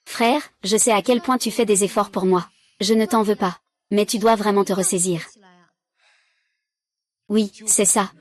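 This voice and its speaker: A woman reads every part of a drama dub herself. Her voice is middle in pitch and stays even and unvaried from one character to the next. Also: a little slow, long pauses. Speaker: voice-over dubber. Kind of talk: single-voice dub of a drama series.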